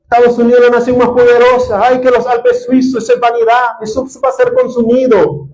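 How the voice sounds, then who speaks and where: Un hombre predicando un sermón con acento venezolano, apasionado, que pasa de hablar bajo a alzar la voz. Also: male voice, very high-pitched, flat delivery, brisk, rough recording. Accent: Venezuelan Spanish. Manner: impassioned, swings from soft to loud. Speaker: preacher. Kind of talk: sermon.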